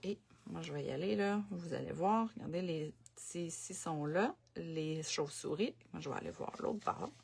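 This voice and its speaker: Her voice is low, gravelly, husky, and darkish, delivered at a normal speed. A Quebec French-accented woman, she hosts a casual live craft demo at her home desk, talking through her thoughts with many fillers while a camera on the desk records her.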